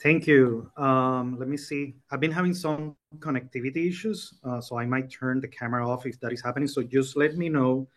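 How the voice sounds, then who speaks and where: Male presenter, forties, from Puerto Rico; halting delivery, video-call sound. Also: mid-range voice. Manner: hesitant, many ums and uhs. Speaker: program coordinator presenting. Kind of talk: online conference presentation.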